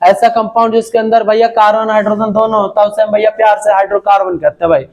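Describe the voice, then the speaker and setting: Young guy teaching chem online, highish voice, keeps saying bhai and asking questions. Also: level tone, quick pace. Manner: chatty, repeats "bhai" constantly, asks students questions. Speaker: chemistry teacher. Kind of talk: online class lecture.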